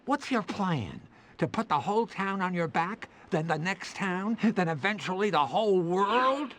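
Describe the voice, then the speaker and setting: A man's voice: high-pitched, lively intonation, measured pace, a bit bright, slight background noise. A man voicing a silly, whiny, blustering bubble villain in a cartoon video game. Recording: music behind the voice.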